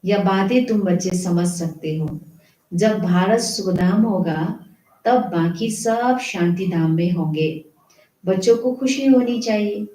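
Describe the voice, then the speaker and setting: A woman's voice: mid-range voice, warm tone, reverberant, rough recording. A woman spiritual teacher reading and explaining a devotional discourse, preaching with rhetorical questions. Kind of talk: devotional murli reading with commentary.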